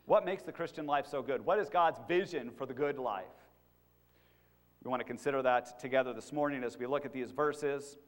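Man preaching in a reverberant church. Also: medium pitch. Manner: measured preaching with emphatic rises and dropping phrase ends. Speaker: pastor. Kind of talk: sermon. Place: church sanctuary. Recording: long hall reverb.

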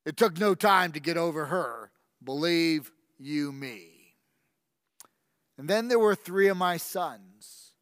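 A vain, tyrannical ancient king, played by a man, who boasts in a high, bright, cutting voice. He speaks slowly and savors every threat, pompous and menacing. The close, dry voice trails off into a long hall reverb. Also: expressive, clean tone. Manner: pompous, menacing, with slow drawn-out emphasis. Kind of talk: first-person dramatic monologue.

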